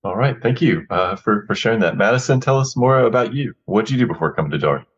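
Male podcast host, fast-talking, lowish voice, repeats words as he starts questions. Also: lively intonation, slightly rough, dull audio. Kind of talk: interview hosting.

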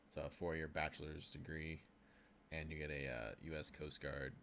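A young man from Maine, a guest on a casual podcast, who talks in a halting, laid-back way. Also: extremely low pitch, little pitch movement, fairly bright tone, slight background noise. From Maine, USA. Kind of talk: casual interview chat.

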